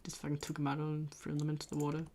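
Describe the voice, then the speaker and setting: A woman's voice: deep voice, monotone, rapid-fire, mellow, a little hiss or hum. Playful crude-mouthed woman on a stream. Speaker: co-host. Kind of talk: casual livestream chat.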